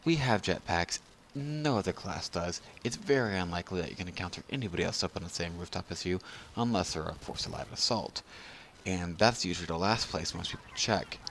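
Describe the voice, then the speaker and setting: A man's voice: sits low, fairly quick, fairly bright tone, slight background noise. A drunk man giving casual, rambling video game commentary as a tutorial narrator, losing his train of thought.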